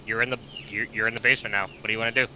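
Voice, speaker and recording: A man's voice: fairly low pitch, steady tone, rapid-fire. A young man running a tabletop game as game master, casual and laughing, swearing now and then. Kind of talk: narrating a tabletop game over voice chat. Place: home with chickens nearby. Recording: dull lo-fi mic with faint noise.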